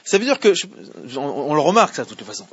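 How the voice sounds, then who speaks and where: A man leads a religious class in an animated, questioning way, now and then chanting Hebrew verses slowly. His voice is high and husky and swings widely. The recording is dry and a little dull. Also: dry recording. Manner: animated, explains by asking questions. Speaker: religious teacher. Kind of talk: Torah class with students.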